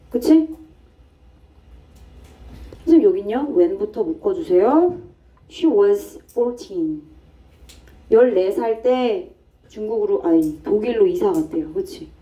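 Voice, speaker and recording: Woman, English teacher, classroom lecture, asks and answers own questions, mellow voice, distant muffled mic. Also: mid-range voice.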